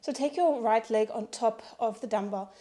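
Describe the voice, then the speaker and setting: A woman whose warm voice sits a little high instructs a Pilates strength class at a moderate pace. Winded, she cues the exercises one by one, tallies reps and offers encouragement.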